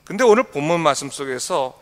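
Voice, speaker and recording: Korean pastor preaching in a reverberant hall. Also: male voice, on the high side, animated. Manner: asks the congregation rhetorical questions and reads scripture aloud slowly. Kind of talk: early-morning sermon. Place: church sanctuary.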